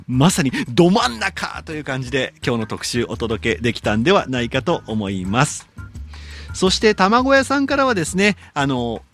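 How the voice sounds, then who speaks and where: A man's voice: medium pitch, moderate pace, soft background music. A man hosting a radio show, reading listener letters and chatting about them. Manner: lively, reads letters aloud, then comments chattily. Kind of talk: casual radio talk.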